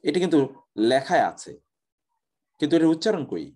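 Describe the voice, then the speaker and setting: A male professor giving a classroom lecture, explaining step by step and slowly reciting Arabic words as examples. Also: a little high, sing-song, darkish tone, breathy edge.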